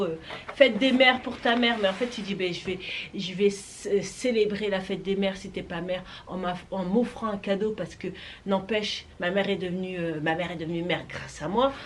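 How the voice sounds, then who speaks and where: A woman's voice: medium pitch, fairly even intonation, moderate pace, a little hiss or hum. A young woman vlogger talking casually and enthusiastically about roller skates, with many fillers and restarts. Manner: chatty, filler-heavy, enthusiastic. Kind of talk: casual product talk to camera.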